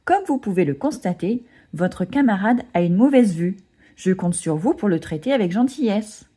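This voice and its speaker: A woman's voice: medium pitch, expressive, normal speed, warm tone, husky. A woman voicing a strict female schoolteacher who speaks firmly and sternly. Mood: surprised. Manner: firm, stern.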